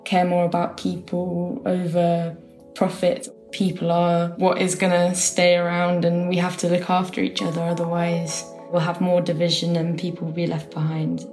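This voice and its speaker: A young woman from the UK, a composer speaking calmly and reflectively as an interview guest. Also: fairly low pitch, normal speed, faint music behind. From United Kingdom. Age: young adult. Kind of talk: casual reflective conversation.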